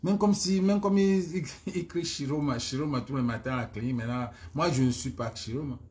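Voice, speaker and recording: Speaking a little fast, this Cameroonian-accented social media commentator delivers an informal live-stream rant. His mid-range voice has a darkish tone, and he insists on his points by repeating phrases over and over with strong emphasis.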